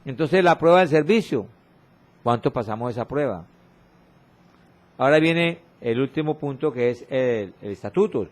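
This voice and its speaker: A man preaching a sermon, reading scripture slowly and repeating exhorting refrains, with his voice often dropping low and soft for emphasis. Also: expressive. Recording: radio broadcast of a church sermon.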